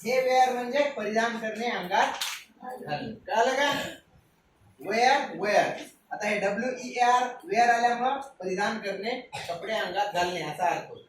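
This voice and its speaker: A man's voice: high-pitched, moderate pace, fairly bright tone, a little hiss or hum. A man from Maharashtra teaching young pupils English words. He spells each word letter by letter and keeps asking the class to repeat it. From Maharashtra, India. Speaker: primary school teacher. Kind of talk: spoken English vocabulary lesson for children. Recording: very echoey room, voice from far off the mic.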